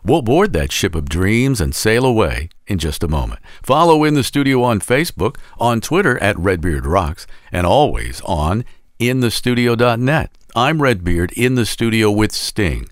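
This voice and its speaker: A man's voice: lowish voice, very animated, moderate pace, no echo, studio quality. A man hosting a radio show, reading scripted links in a polished presenter's delivery.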